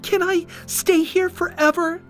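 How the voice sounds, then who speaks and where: A man voicing an excited eight-year-old girl in a children's story, asking high, eager questions. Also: a little slow, soft background music. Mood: dreamy.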